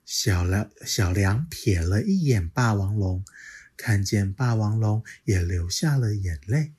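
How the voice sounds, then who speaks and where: A woman reading a children's picture book aloud as a storyteller, with expressive, measured narration. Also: rumbling low, breathy edge.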